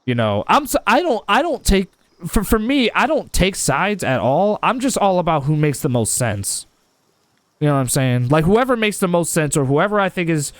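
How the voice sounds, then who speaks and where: A man's voice: a little high, dry recording. A man hosting a live gaming stream, chatting casually with viewers, often repeating and restarting his words. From United States. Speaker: livestream host.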